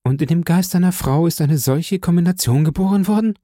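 A man voicing a gentle, frightened young noblewoman in an audiobook reading, pleading and trembling. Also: fairly high pitch, fairly quick, no room sound, studio quality, voice pushed up, natural voice. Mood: anxious pleading.

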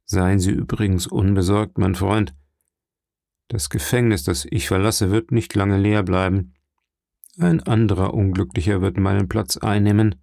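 A man voicing a dying old priest in an audiobook, slow, earnest and fatherly, weak and failing. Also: on the low side, gravelly, darkish tone, no room sound, studio quality. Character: dying old male priest, gentle and solemn. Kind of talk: audiobook character reading.

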